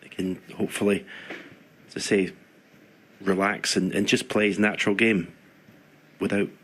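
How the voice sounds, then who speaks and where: Low, bright-edged male snooker pundit, hushed. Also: fairly even intonation, moderate pace, husky, poor audio. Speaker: snooker co-commentator, analyst. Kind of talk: hushed, conversational expert snooker commentary. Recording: faint background noise.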